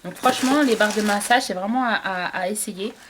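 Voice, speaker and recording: A woman's voice: mid-range voice, brisk, noisy background. A woman chatting casually to camera about beauty products she bought, hesitating often with fillers and restarts. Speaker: beauty vlogger. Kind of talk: casual product haul review.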